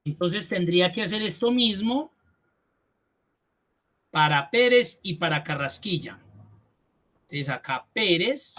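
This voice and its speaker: A man's voice: high-pitched, expressive, slow, pauses often, pushed and bright. A man teaching an online spreadsheet class. He explains step by step, repeats key points and thinks aloud. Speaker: spreadsheet course instructor.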